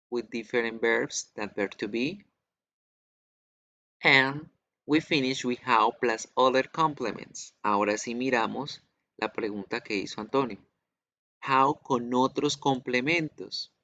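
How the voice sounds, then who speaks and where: A man teaches English over a muffled online class connection. He speaks slowly and patiently, with a mid-range voice, and repeats pronunciation drills aloud. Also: mid-range voice, pushed and bright.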